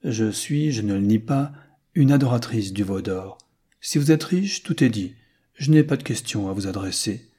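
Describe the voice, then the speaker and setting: A man's voice: fairly low pitch, animated, normal speed, dark tone, breathy edge. A man reading aloud voices a chatty, worldly young French noblewoman who speaks frankly and offhandedly.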